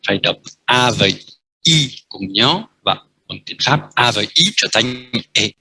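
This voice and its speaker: A man with a Vietnamese accent teaching a French lesson, speaking slowly and repeating letters and words as he explains. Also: mid-range voice, animated, creaky, sharp tone, a little hiss or hum, rough recording. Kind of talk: language lesson, explaining at a board.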